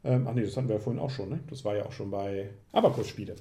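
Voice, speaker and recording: A man's voice: on the low side, racing, slight background noise. A man hosting a board game podcast, chatting casually as he works through a list of new games. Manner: relaxed, going through a list of publishers. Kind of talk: casual chat.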